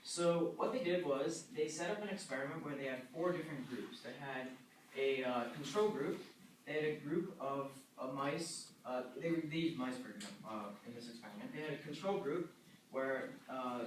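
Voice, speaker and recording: A man presenting a journal article to a class, talking haltingly with many fillers and restarts. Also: mid-range voice. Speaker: student presenter. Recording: echoey room, distant mic, noisy.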